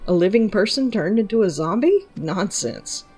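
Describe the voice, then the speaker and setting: A woman voicing a pompous, flamboyant gentleman inspector in a game, speaking in a grand, theatrical way. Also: mid-range voice, lively intonation, normal speed, slightly rough, faint music behind. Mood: dismissive.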